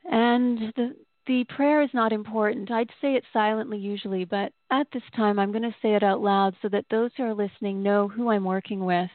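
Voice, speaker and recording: A woman hosting a spiritual podcast, speaking in a soothing, gentle, unhurried way with pauses, like a guide leading a meditation. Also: mid-range voice, steady tone, no room sound. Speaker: podcast host and channeling healer. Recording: thin phone-like sound.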